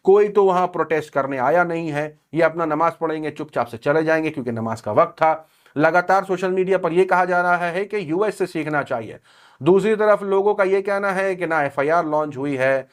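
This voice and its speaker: Sarcastic man giving news commentary. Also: fairly high pitch.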